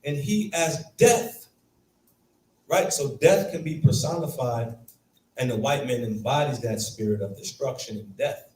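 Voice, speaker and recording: A man's voice: on the high side, slight background noise. Emphatic man teaching in an echoey room. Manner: emphatic, fires rhetorical questions at the class. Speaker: Bible class teacher. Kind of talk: classroom scripture teaching. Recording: echoey room from far off, faint ambience.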